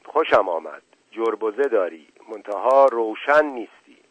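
A man's voice: on the low side, expressive, husky, no echo, highs cut off. A man voicing a stern, proud middle-aged landowner who speaks with scorn and lectures. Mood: lecturing.

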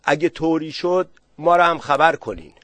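A man's voice: a little high, a bit bright, dry recording, pitched above the performer's own voice, lightly acted. A man voicing a worried middle-aged villager who presses others with anxious questions.

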